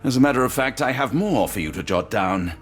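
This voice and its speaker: A man playing an earnest, weary English doctor in a video game, polite and measured with a dry, wry streak. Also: mid-range voice, animated, faint music behind, lightly acted. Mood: firm, persuasive.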